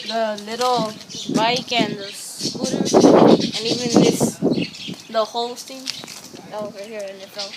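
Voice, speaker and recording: A woman giving hesitant, casual interview answers full of fillers in a noisy outdoor backyard recording. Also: fairly high pitch. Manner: halting, filler-heavy. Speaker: interviewee in a mock newscast.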